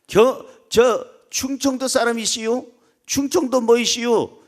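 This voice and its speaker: A man voicing a male church faction leader with a Chungcheong dialect who rallies his province's people in a slow, coaxing drawl. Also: very high-pitched, fairly even intonation, pitched above the performer's own voice.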